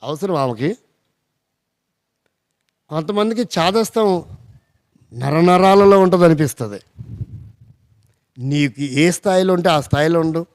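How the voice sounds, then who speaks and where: Male pastor, lively storytelling sermon, fairly high voice, dry close sound. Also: a little slow, long pauses, no echo. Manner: animated, acts out dialogue in a rising voice.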